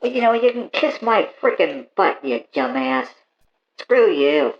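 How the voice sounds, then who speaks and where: A man's voice: a little high, sing-song, voice pushed up. A man putting on the voice of a touchy male caller who talks through a paper towel tube and hates being talked over. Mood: angry. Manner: defensive, quickly takes offense. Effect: talking through a paper towel tube. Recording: hollow muffled echo through a cardboard tube.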